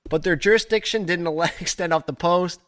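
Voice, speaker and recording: A man's voice: high voice, fairly quick, fairly bright tone. A man co-hosting a live comedy stream, rambling and chuckling as he reads odd news aloud. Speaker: podcast co-host. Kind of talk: casual live-stream chat.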